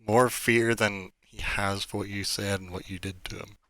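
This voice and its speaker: A man narrating as dungeon master, describing scenes slowly with many fillers and pauses. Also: fairly low pitch, level tone, fairly bright tone. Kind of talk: narrating a tabletop game.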